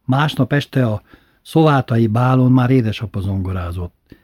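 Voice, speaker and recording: A man's voice: mid-range voice, lively intonation, a little mellow, no room sound. A man recounting a childhood memory in a dry, wry, matter-of-fact storytelling manner. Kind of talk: recited childhood memoir.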